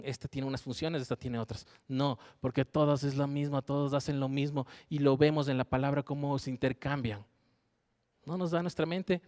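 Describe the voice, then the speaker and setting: A man preaching a Bible study at an ordinary, middle pitch. He reads verses aloud and unpacks them, stopping again and again to ask his listeners whether they follow. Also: a little mellow. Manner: checks in with listeners with a frequent questioning "¿sí?".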